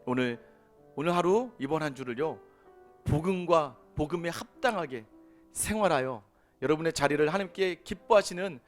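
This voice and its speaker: A man's voice: fairly high pitch, normal speed, soft background music. A man preaching a sermon as a pastor in a chapel, telling stories and acting out the people in them. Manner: animated storytelling, voicing people in his stories. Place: law firm chapel.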